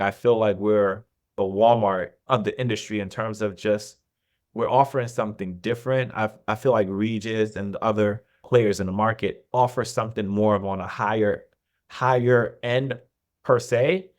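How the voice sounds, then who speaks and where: A man in his thirties from Nigeria, a podcast guest telling his life story in a relaxed, rambling way. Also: fairly low pitch, normal speed. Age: 30s. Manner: relaxed, rambling, restarts and laughs easily. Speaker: podcast guest, business founder. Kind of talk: casual interview storytelling.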